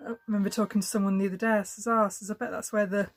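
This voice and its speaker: A cross-stitch vlogger chats casually while she stitches, talking rapid-fire in a flat, medium-pitched voice. She rambles and thinks aloud, full of fillers and restarts.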